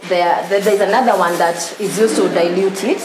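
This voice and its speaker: A woman's voice: medium pitch, fairly even intonation, fairly quick, background noise. A woman with a Kenyan accent giving casual interview answers as a guest. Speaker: guest, porridge seller. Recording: echoey room, crowd chatter behind.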